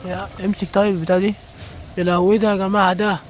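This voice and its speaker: A young man with an Egyptian Arabic accent talks quickly through a horror game. He reacts jumpily and keeps calling out to his viewers. A faint background hum sits under his voice. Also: high voice, level tone. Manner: jumpy, exclaiming, talks to viewers. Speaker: gaming channel host. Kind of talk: let's play commentary.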